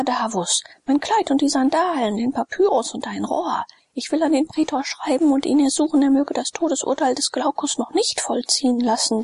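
A weary Roman nobleman mutters in a hushed, breathy half-whisper, voiced by a woman reading a storybook. The voice is husky with a gravelly fry. The recording is close and dry. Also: fairly high pitch, no room sound, exaggerated voice. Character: weary, sleepy nobleman turned frantic.

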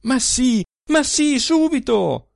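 An eager, lovestruck husband begging his wife, as a male reader acts him out, his voice jumping up high and swinging widely. He presses on insistently, almost breathless with hope. Dry, close recording. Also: very animated, a little slow, creaky, darkish tone, dry recording, heavily acted. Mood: overjoyed. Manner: insistent, imploring.

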